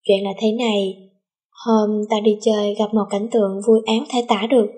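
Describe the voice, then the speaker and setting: A woman voicing a cheeky teenage boy who rambles through a pointless joke, with a breathy voice. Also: mid-range voice, flat delivery, moderate pace, mellow, natural voice. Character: cheeky teen boy joker.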